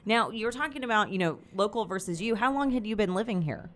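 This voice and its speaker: A woman's voice: medium pitch, expressive, quick pace, a bit bright. A woman interviewing a guest in an easy, encouraging way, often affirming with short replies. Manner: encouraging, frequent affirming backchannels. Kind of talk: casual interview conversation.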